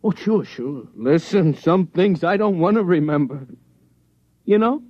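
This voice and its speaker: An actor playing a nervous, slangy working-class barfly who stammers defensively in a 1950s radio drama. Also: male voice, fairly high pitch, expressive, a little slow, dry recording. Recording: muffled old-time radio recording.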